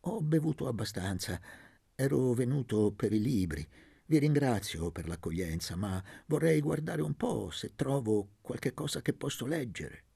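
A man voicing a polite, reserved young man in an audiobook, speaking quietly and hesitantly. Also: mid-range voice, animated, a little slow, vocal fry, husky, no room sound, studio quality, exaggerated voice. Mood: polite, wary. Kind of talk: audiobook reading.

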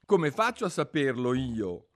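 A man's voice: on the low side, wildly swooping pitch, moderate pace, husky, heavily acted. A man voicing a polite but bold young girl in an audiobook, prim in manner. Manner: prim and polite, then defiant. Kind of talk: audiobook reading.

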